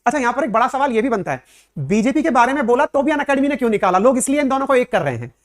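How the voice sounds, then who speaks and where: A man with a very high, very fast voice and big pitch swings teaches current affairs. Talking to his viewers like a casual lecture, he fires off rhetorical questions and sprinkles in English words.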